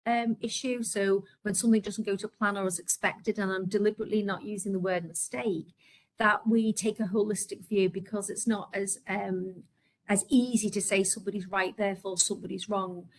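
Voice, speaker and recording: Scouse woman, webinar presenter, fast and earnest, mid-range voice. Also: mid-range voice, fairly even intonation, low-quality recording. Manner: quick, earnest, lots of ums and restarts. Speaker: healthcare leader presenting.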